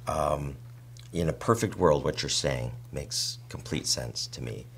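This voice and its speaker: A man interviewing someone with long, frank statements, speaking deliberately and challenging politely. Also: a bass voice. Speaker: interviewer representing department members. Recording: clear background noise and hum.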